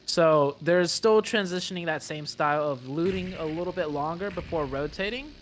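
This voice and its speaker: Dude doing tourney analysis, a bit high voiced, explains stuff steady, lots of you know. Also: male voice, slight background noise. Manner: explanatory, measured, uses fillers like you know. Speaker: esports analyst. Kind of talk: analytical esports commentary.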